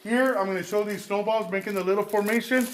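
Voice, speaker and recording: A man working as a cave tour guide, talking to visitors in a halting way with repeated words. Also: sits high, steady tone. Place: underground cavern. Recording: echoing cave, distant mic, faint noise.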